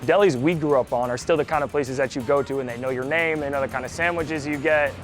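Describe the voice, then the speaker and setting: A man speaking fast and with a wry, self-deprecating edge, a restaurant co-founder in a middle register. Quiet music sits behind him. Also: mid-range voice. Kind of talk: casual interview.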